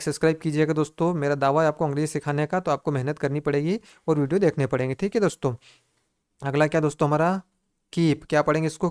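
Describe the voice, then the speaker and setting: A man teaching basic English to Hindi speakers, slowly repeating each phrase and addressing his viewers as friends. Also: fairly high pitch, a little mellow, clear, resonant tone, no room sound, clean studio sound. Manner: repetitive, drawn-out teaching, says "दोस्तों" constantly.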